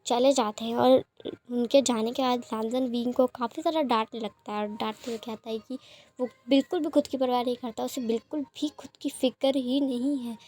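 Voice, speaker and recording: A woman's voice: on the high side, mellow. A woman narrating a fan fiction story in a plain conversational retelling.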